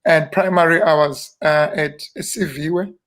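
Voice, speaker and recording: A South African man in his fifties, a minister, telling stories about growing up in a relaxed, self-deprecating way during an interview. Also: on the high side, a little slow. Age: 50s. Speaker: guest minister. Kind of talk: casual interview reminiscing.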